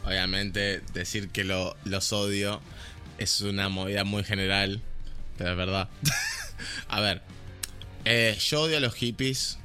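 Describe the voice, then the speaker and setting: A man's voice: fairly low pitch, bright, forceful tone. A young man with a Uruguayan Spanish accent, co-hosting a casual podcast and ranting heatedly, swearing as he goes. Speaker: podcast co-host.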